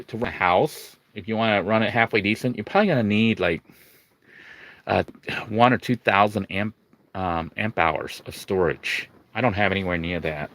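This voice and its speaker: A man with a deep, sharp-toned voice gives a casual video walkthrough as a vlogger. He rambles informally and hesitates, filling gaps with "you know." Faint background noise and ambience can be heard.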